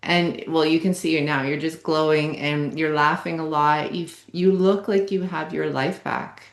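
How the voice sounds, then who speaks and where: A woman's voice: low-pitched, fairly even intonation, moderate pace, reverberant. A woman coach interviewing a client, speaking in an encouraging, affirming way. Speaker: wellness coach and program host. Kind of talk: casual interview.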